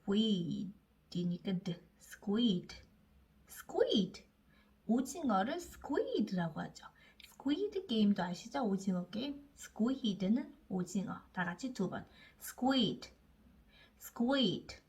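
A woman leads a phonics lesson, stretching each letter sound very slowly and drawing it out. Her pitch bounces around a lot as she coaxes the listeners to repeat each word after her. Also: big pitch swings, a little mellow. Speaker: English reading teacher. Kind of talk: slow phonics lesson for learners.

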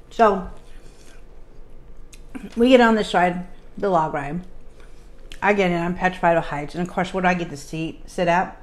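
A woman vlogger with a slightly low voice, telling rambling childhood stories in a casual chat as she eats. She talks loosely and leans on "like" between phrases. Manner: chatty, frequent "like" fillers. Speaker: mukbang vlogger. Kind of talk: casual storytelling while eating.

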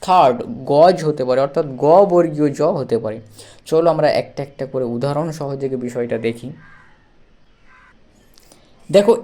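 A man with a dark, mellow voice gives a patient pronunciation lesson. He works through each word letter by letter and repeats every sound several times, slowly and deliberately, as he talks straight to the learner. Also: a little high. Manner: patient, addresses the learner directly. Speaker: English pronunciation teacher. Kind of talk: slow step-by-step lesson.

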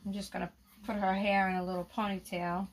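A woman narrating a doll role-play vlog, fussing and soothing as she talks to her viewers. Her voice sits in a middle range with a lot of vocal fry. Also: medium pitch, level tone, brisk, slight background noise. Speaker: doll vlogger.

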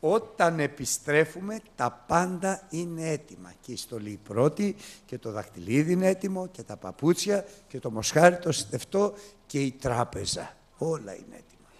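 A man preaching a sermon, telling the story with lively, acted-out storytelling. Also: on the high side. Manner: animated storytelling, acting out biblical characters with raised, excited voice.

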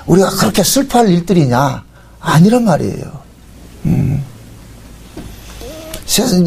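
A middle-aged man preaching from the pulpit in a notably high voice. He keeps asking his listeners rhetorical questions, fills pauses with little grunts of "eh?" and "mm", and draws out key phrases for emphasis. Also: a little mellow. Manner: rhetorical questions with frequent fillers. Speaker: pastor. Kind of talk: sermon.

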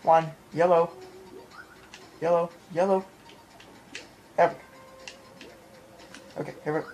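A player recording a gaming video at home speaks casually while filming the TV in a small room, muttering reactions and apologies over game music. His slightly high, mellow voice has fairly even intonation and a slow pace. The handheld camera or phone mic yields a rough recording.

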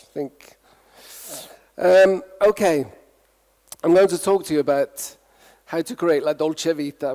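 A UK-raised man gives a humorous conference talk in a hall, playfully asking the audience questions. His voice is on the high side with a dark tone, trailed by long reverb.

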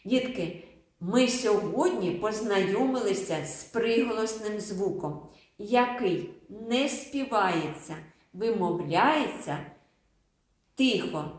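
A woman teaching young children a phonics lesson, slowly sounding out syllables and repeating words for them to copy. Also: medium pitch. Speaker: preschool teacher. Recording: echoey room.

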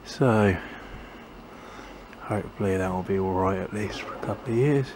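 At normal speed, a low-pitched male voice narrates a gardening vlog. He plants in a small backyard garden, chatting to camera in a musing, self-questioning way and frequently trailing off, with noisy outdoor sound behind him.

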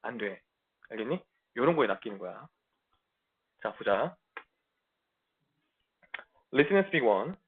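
A man's voice: mid-range voice, very animated, takes it slowly, pauses often, slightly rough. A man teaching a middle school English lesson to his students, talking in blunt, casual banter and checking in often to make sure they follow. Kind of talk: online lecture. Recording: tinny phone-like sound.

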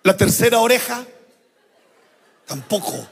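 Casting: middle-aged male pastor, high voice, lively shouted preaching in a reverberant church hall. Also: measured pace, vocal fry, breathy edge, a faint crowd. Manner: lively preaching with shouted emphasis and sound effects. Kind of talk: sermon.

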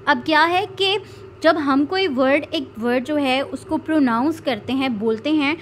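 A woman's voice: high voice, a little slow, a little hiss or hum. A woman teaching an English grammar lesson. She explains step by step and answers her own questions. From Pakistan.

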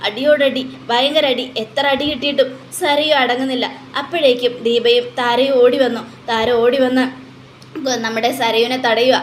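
Female narrator, emphatic serial recap; high-pitched, echoey room. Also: steady tone, moderate pace, a little hiss or hum. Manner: dramatic, emphatic storytelling. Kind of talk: dramatic retelling of a TV serial.

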